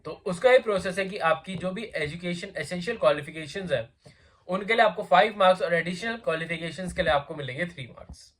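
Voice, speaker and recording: The host of a job vacancy channel explains listings briskly in a high, slightly bright voice, switching casually between Hindi and English. He talks to viewers conversationally with lots of repetitive fillers, sounding hoarse from a sore throat and coughing occasionally.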